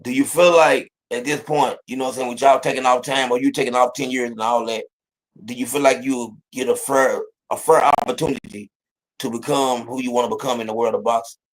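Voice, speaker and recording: A man's voice: medium pitch, steady tone, fairly quick, poor audio. A man hosting a casual interview, encouraging and full of faith talk, who keeps dropping "you know what I'm saying" into his sentences. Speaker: podcast host.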